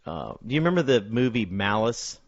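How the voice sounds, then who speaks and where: Male podcast host, lower-pitched middle range, halting casual movie talk, slightly lo-fi recording. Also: very animated. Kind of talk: casual film discussion with a co-host. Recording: dull, lo-fi sound.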